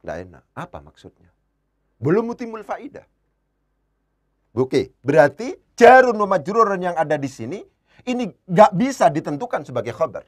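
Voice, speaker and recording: A man teaching Arabic grammar in a classroom lesson, repeating key phrases and slowing down to spell out Arabic words. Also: high voice.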